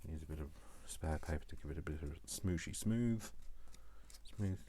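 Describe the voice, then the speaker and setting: Hosting a relaxed craft tutorial, a man with a very deep voice thinks out loud, muttering playfully and repeating little phrases to himself at a moderate pace and in a dark tone. Noticeable background noise and clicks run through the recording.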